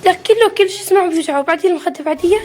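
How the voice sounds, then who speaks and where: A woman's voice: very high voice, racing, darkish tone. A young adult woman, hosting a family prank vlog at home, fussing and doting as she talks. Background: background music.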